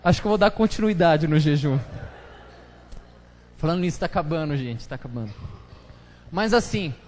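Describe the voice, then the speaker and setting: A pastor preaching a casual, joking sermon full of slang, chatting with his congregation during a live church service. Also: high voice. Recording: live church hall reverb, faint noise.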